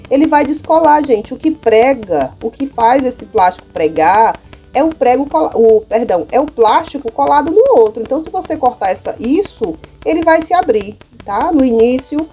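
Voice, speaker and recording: A Brazilian woman who teaches primary school speaks with a slightly high, mellow voice and a Brazilian Portuguese accent. She goes over classroom material in a relaxed, chatty how-to demonstration, often checking in with her listeners.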